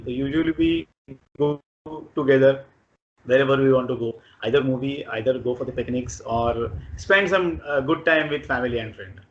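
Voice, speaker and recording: Guy late 40s w/ marathi indian accent, kinda halting, repeats himself, casual interview, boxy echoey room sound. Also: medium pitch. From Konkan, Maharashtra, India. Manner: halting, repeats words and phrases. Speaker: interviewee, IT professional. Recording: dull, echoey room recording.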